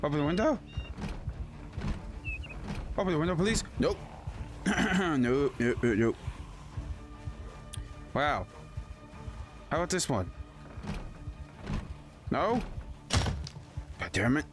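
A man's voice: on the high side, lively intonation, slow, long pauses. A young man giving casual, profane commentary while playing, talking to himself, swearing often and breaking into yelps of panic. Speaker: gaming YouTuber. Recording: game music behind the voice. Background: game music.

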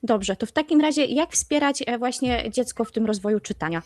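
A woman's voice: on the high side, fairly quick, darkish tone, dry recording, clean studio sound. A woman hosting a conversational interview, asking questions casually with tag words and fillers. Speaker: host.

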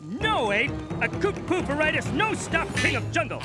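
A man's voice: extremely high pitch, big pitch swings, normal speed, loud music behind the voice. A man voicing a dim-witted, cheerful jungle man who talks in broken caveman grammar in a cartoon. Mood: defiant.

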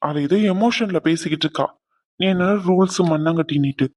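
A woman voicing a calm young male doctor in a cartoon dub, placating and defending others. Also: low voice, brisk. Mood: defensive. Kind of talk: cartoon dubbing.

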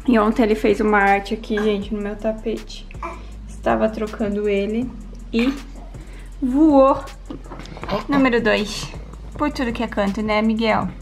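Chatty mom with gravelly voice. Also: female voice, medium pitch. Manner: chatty, doting, talks to the baby. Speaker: mother and vlogger. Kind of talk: casual home vlog. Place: home. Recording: background music.

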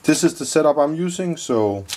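A man giving a casual review of his hobby build, relaxed and full of fillers, talking at an indoor workbench. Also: on the high side. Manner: relaxed, many fillers and pauses.

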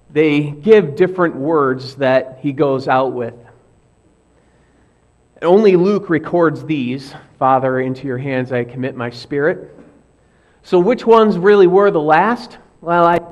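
A man preaching a sermon as pastor, telling stories and quoting famous last words with lively emphasis. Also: a little high.

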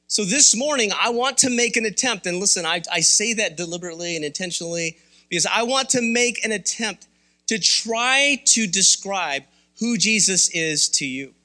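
High-voiced, bright-toned man preaching. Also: expressive, normal speed. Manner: conversational, candid, rousing. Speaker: pastor. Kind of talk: sermon. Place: church sanctuary.

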